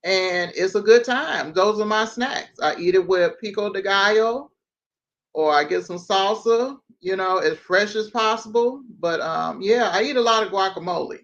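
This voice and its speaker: A woman's voice: mid-range voice, normal speed. A woman hosting a casual livestream over a video call, chatty, running through lists of things at an easy pace. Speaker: host. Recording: dull lo-fi stream audio.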